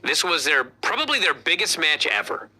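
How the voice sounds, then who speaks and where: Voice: mid-range voice, normal speed. A podcast co-host giving a casual wrestling review, retelling the match play by play with lots of swearing. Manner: profane, animated play-by-play retelling.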